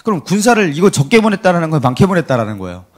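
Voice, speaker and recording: Animated man preaching a sermon. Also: fairly high pitch, very fast. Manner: animated storytelling, asks the congregation questions. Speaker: pastor. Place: church.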